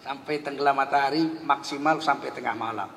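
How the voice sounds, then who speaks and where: A man preaching, telling a humorous story with lively dialogue and then teaching. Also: medium pitch, a little fast, vocal fry. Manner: lively anecdotal telling, acting out both sides of dialogue. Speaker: Islamic preacher. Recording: long hall reverb, faint background noise.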